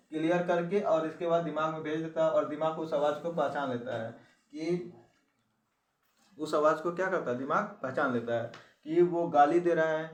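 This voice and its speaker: A man's voice: a little high, recorded from a distance. Male teacher, exam-prep biology lesson, drills terms by repetition, recorded in an echoey room, set back from the mic. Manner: repeats key terms and quizzes the listener.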